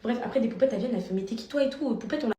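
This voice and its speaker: A woman's voice: a little high, roomy sound. A young woman, a social media influencer, telling her followers a story in a casual, slangy way. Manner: rapid, animated, slangy.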